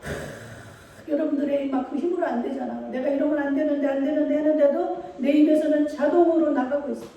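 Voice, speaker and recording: A woman's voice: high-pitched, fairly even intonation, a little fast, dark tone, slight background noise. A woman preaching a sermon in a church, speaking emphatically and putting rhetorical questions to the congregation. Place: church sanctuary. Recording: echoey church hall, mic far off.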